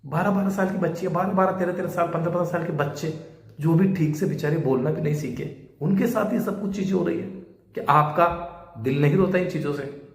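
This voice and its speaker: A man's voice: fairly high pitch, a little fast. A man from India giving an urgent, pleading monologue to camera, full of rhetorical appeals. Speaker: social media creator. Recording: echoey room with long reverb.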